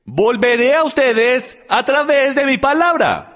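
A man's voice: extremely high pitch, sing-song, measured pace, a bit bright. A man giving an emphatic teaching sermon, speaking straight to his audience. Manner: emphatic, addresses the audience directly. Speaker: Bible teacher. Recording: long hall reverb.

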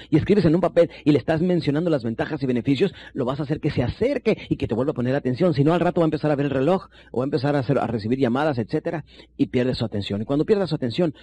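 A man teaching sales techniques, shifting between quick bursts and low, slow emphasis while speaking straight to the listener. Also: warm tone, breathy edge. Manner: addresses listener directly as compañero. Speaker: sales trainer. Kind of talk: recorded sales seminar lesson.

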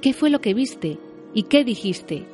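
A woman's voice: fairly high pitch, expressive, a little slow, darkish tone, soft background music, pitched above the performer's own voice. A woman voicing a stern old male wizard who gives short, firm commands in a storybook reading. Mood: firm, commanding.

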